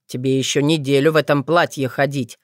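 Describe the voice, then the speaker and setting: A woman's voice: rumbling low, fairly even intonation, fairly quick, no room sound, clean studio sound, voice pushed down. A woman narrator voicing a weary young man who grumbles and sounds resigned. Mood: grumbling.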